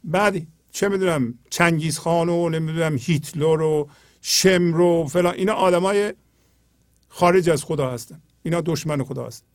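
Male spiritual teacher, higher voice, earnest explaining, dry recording. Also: no room sound. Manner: earnest, explanatory, often drops to a low quiet tone. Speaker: host explaining poetry.

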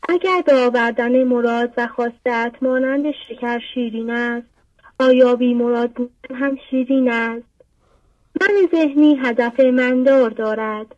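A woman's voice: on the high side, a little mellow, dry recording. A woman caller reading a verse and explaining it earnestly, posing rhetorical questions, heard over a dull, distant line. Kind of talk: reflective spiritual commentary.

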